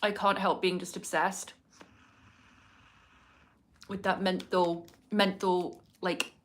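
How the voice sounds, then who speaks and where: Speaking slowly in a fairly low, level voice, this woman from England livestreams casually from home in cold winter weather. She does her makeup as she rambles, tossing in many fillers and asides to her viewers.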